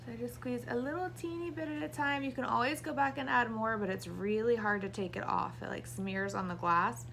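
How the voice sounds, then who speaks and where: Casting: heavily pregnant woman, out of breath, casual craft-tutorial host, gravelly fry, slight background noise. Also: a little high, fairly even intonation, a little fast, fairly bright tone. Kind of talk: casual hands-on tutorial to camera. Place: small indoor craft room.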